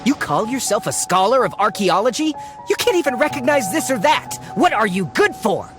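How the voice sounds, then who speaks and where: A man's voice: very high voice, very animated, fairly quick, music in the background. An actor playing a shifty, greedy, boastful man posing as a scholarly treasure researcher in a video game, full of bluster and stammered excuses. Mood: scornful, bragging.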